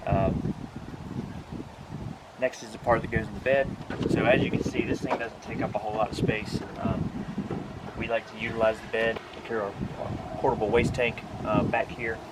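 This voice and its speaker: Beside a pickup truck bed outdoors, an RV vlogger speaks at normal speed in a fairly low voice with little pitch movement. His walkthrough of the gear is casual and plain-spoken, with wind and vehicle sounds clearly audible in the background.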